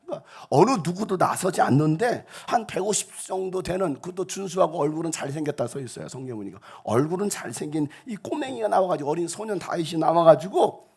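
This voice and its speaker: A male pastor delivers an animated sermon in a church sanctuary. His voice sits a bit high for a man and sounds husky, and he keeps breaking into acted, gruff bits of street talk. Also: fast talker. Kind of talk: lively sermon with acted quotes.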